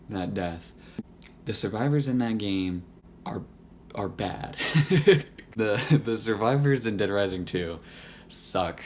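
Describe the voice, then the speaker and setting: Young male YouTuber, hoarse with little voice left, low-pitched, loose and profane, slight room hum behind. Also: darkish tone. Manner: rambling, profane and joking. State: hoarse, voice nearly gone. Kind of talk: casual gaming chat to camera.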